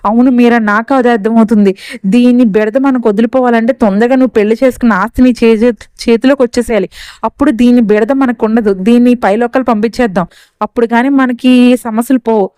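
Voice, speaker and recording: A calculating male mastermind gives orders in quick, crisp lines, as a woman storyteller plays him. Her voice stays fairly high and clear. It sounds like dry, close narration of a serial recap. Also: steady tone, a little mellow, dry recording, close to an everyday voice. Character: cunning male schemer, bossy mastermind.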